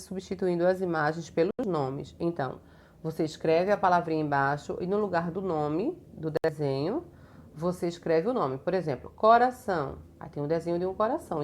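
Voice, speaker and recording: Brazilian woman, schoolteacher, slightly low voice, patient didactic delivery for young kids. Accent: Brazilian Portuguese. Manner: slow, patient and didactic, stretching words out; uses many diminutives and checking tags. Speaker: primary school teacher. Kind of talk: recorded homework lesson for young children.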